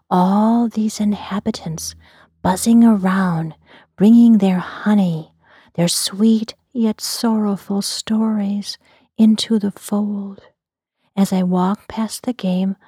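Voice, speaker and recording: A woman narrating a fantasy story in a soft, unvoiced whisper for ASMR. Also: medium pitch, slightly rough, no echo, studio quality.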